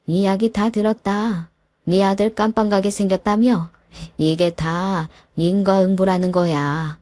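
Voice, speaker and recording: A woman's voice: medium pitch, fairly even intonation, a little slow, a little mellow, no room sound, lightly acted. A woman voicing a fierce older mother who mocks and curses her daughter's in-law in a spoken story. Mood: scornful. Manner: scornful, cursing.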